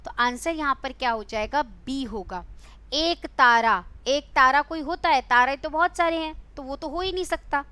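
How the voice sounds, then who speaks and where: A young woman with a high, bright voice leads an online exam-prep class. She quizzes her students one question at a time and coaxes them along with a fond, teacherly warmth. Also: no echo. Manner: coaxing, quizzing students and calling them beta. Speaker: Hindi teacher.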